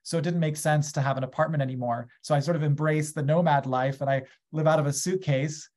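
An American man in his thirties, founder of an agriculture company, appears as a guest speaker on a conversational webinar via webcam from a small room at home. His voice is a little high for a man, steady in tone, quick and a little mellow. He's enthusiastic and gestures a lot, keeping an eager energy as he explains his work to the audience.

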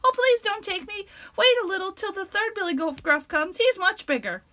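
A woman's voice: extremely high pitch, expressive, moderate pace, bright, forceful tone, voice pushed up, exaggerated voice. A woman voicing the middle-sized male billy goat, pleading with the troll. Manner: pleading, not so small voice.

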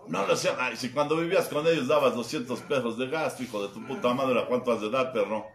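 A sponsor with a Mexico City accent speaks fast in a creaky, mid-range voice at a recovery group meeting. His joking testimony is crude and mocking, and he imitates the voices he quotes while cursing. The recording has room echo and background noise.

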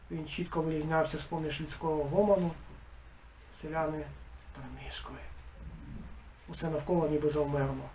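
Author reading his novel aloud, man with a high voice, expressive, goes hushed in spooky parts. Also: slight background noise. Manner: expressive, dropping to a hushed tone in eerie passages.

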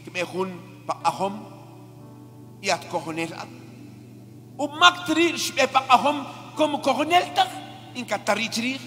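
A woman preaches a fervent sermon in a church hall. Her high, bright voice takes its time and then climbs into shouts as she calls on the congregation. Long reverb and soft music fill the space around her.

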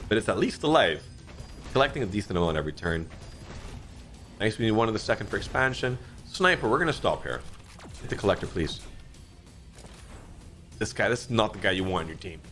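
Low-voiced man in his thirties, casual slot-streamer commentary, swears often, sudden excited upward jumps, faint music underneath. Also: brisk, long pauses. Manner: excitable, swears a lot, frequent pitch jumps. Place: dim home streaming room, indoors.

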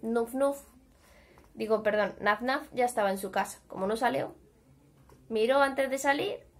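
A woman with a Spanish accent from Spain telling a fairy tale to young children, chatty and animated, often asking the kids questions. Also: on the high side, normal speed. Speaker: children's storyteller.

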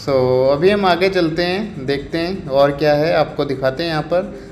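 A man's voice: a little high, normal speed, slight background noise. A man from India walking through a night market outdoors, talking casually to viewers with lots of fillers and English words mixed in. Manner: chatty, many fillers, mixes Hindi with English words. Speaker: travel vlogger. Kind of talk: casual walking vlog narration. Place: busy city street market at night, outdoors. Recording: echoey street with faint ambience.

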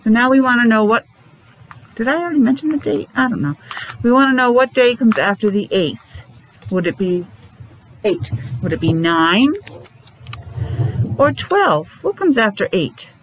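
Speaking animatedly at a normal pace with long pauses, a middle-aged woman with a fairly high voice guides small children through a morning meeting lesson of simple, sing-song questions. She's a preschool teacher, and her mask makes her sound a bit muffled. A device microphone at about arm's length records her in a noisy classroom.

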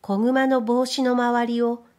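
Brief: a woman storyteller for a children's book, with a slightly high voice and a slow, measured pace. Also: level tone. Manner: gentle, careful, measured. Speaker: reader and voice trainer. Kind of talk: storybook narration.

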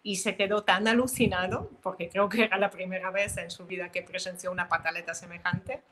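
A woman, a guest and author, telling an animated personal parenting story in an interview, with frequent self-corrections. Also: on the low side, fairly quick, rough recording.

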